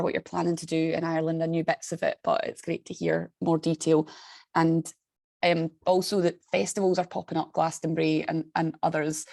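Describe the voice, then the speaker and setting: A woman who works for an international alliance speaks up in an online meeting, chatty and enthusiastic over a video call. Her voice is deep, creaky and a little mellow, recorded at studio quality with no echo.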